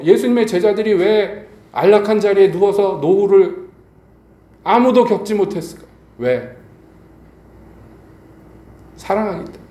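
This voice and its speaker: A man's voice: high-pitched, mellow. A middle-aged male pastor preaching an evening sermon, telling stories and pressing the congregation with rhetorical questions. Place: church sanctuary. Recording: echoey church hall, faint background noise.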